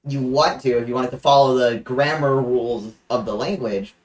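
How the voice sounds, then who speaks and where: A young adult streamer chatting casually on a livestream, halting with frequent restarts and joking in a deadpan way. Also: mid-range voice, low-quality recording.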